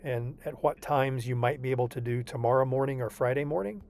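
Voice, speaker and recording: Over a video call, a man with a medium-pitched, slightly mellow voice tutors a student at a brisk pace, walking through homework patiently and reassuringly. He often checks in with "okay?", and there's a little hiss or hum on the line.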